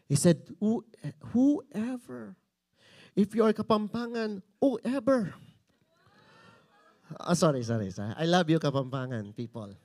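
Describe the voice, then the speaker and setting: A man with a Filipino English accent and a strikingly high voice, preaching a church sermon. He talks with passion and rises to a shout at times. He keeps teasing and bantering with the congregation. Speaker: pastor. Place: church service before a congregation.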